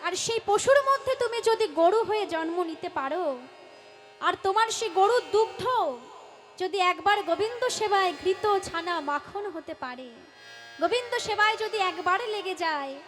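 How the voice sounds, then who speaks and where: A young woman from West Bengal giving a devotional kirtan discourse, reciting Sanskrit verses in a slow, measured preaching manner. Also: very high-pitched, a bit bright, soft background music. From West Bengal, India. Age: teenager. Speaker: kirtan singer.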